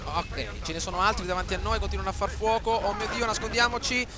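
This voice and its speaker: Excitable Italian man commentating gameplay. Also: high-pitched, fast. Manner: excitable, shouts and yelps in fights, calm when crafting.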